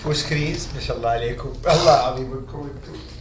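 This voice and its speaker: A man's voice: mid-range voice, very fast. A middle-aged man with a Gulf Arabic accent, chatting with family in a scolding, teasing manner. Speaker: father of the game master, dropping in on the call. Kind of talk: casual family chat. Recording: faint background noise.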